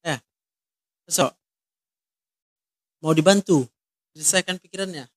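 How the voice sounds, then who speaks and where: A man's voice: on the high side, a little slow, no echo. A man, counseling someone one-on-one and asking many short, direct questions. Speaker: counselor in a ministry.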